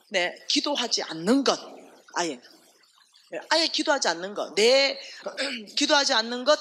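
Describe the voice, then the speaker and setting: Lively woman giving testimony. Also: medium pitch, a little hiss or hum. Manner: animated storytelling, acting out quoted voices; addresses the audience directly with rhetorical questions. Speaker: ministry staff speaker at a revival meeting. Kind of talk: testimony sermon to a congregation.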